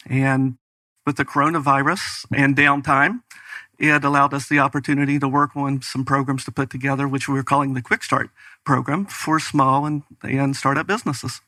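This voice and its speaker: A man's voice: mid-range voice, steady tone, moderate pace, sharp tone, no echo. A middle-aged man with a West Virginia Appalachian accent, answering conversationally as an interview guest. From West Virginia, United States. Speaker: guest, business strategy consultant.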